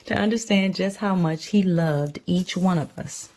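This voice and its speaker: A mother reads a picture book aloud to her child and chats casually, explaining things simply and patiently. Her voice is lowish, a little mellow and unhurried.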